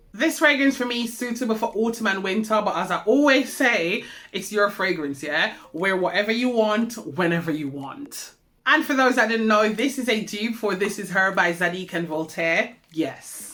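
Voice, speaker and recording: A woman with a mid-range, slightly bright voice hosts a perfume review vlog, sounding stuffy-nosed from hay fever. She is chatty and keeps checking in with viewers through tag questions.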